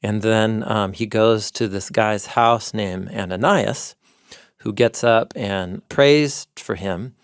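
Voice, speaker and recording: This podcast co-host, a Bible teacher, explains eagerly and in scholarly fashion in conversation, digging into ancient sources. His average-pitched voice has a gravelly creak and he takes it slowly. The studio sound is close and dry, with no room sound.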